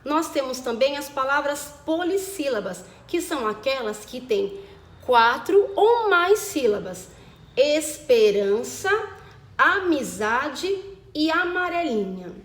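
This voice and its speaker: A woman teaching young children, spelling out words slowly and checking in with them often. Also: sits high, roomy sound. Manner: slow, over-enunciated dictation of words; affectionate diminutives and frequent check-ins. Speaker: primary school teacher. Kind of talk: recorded remote lesson for children.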